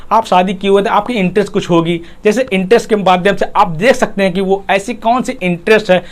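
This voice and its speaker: A man's voice: high voice, fairly quick. A man, a motivational speaker, giving a talk on marriage that he lays out in numbered points with everyday examples, sometimes lifting into emphatic rhyming lines.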